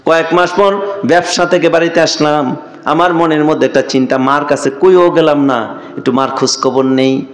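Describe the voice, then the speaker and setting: A man voicing a grief-stricken grown son who tearfully confesses a terrible wrong, his voice pitched high as he pleads. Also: normal speed, natural voice. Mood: pleading. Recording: echoey sermon sound.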